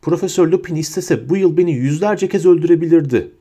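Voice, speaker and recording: A man's voice: a little high, fast, mellow, pitched above the performer's own voice. A man voicing a defiant teenage boy wizard in an audiobook, speaking sharply. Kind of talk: audiobook character voice.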